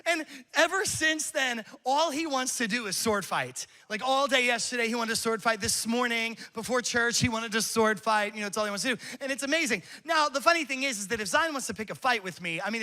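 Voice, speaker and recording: Bright, very high-voiced male pastor. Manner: casual storytelling, laughing often. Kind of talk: sermon. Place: church campus.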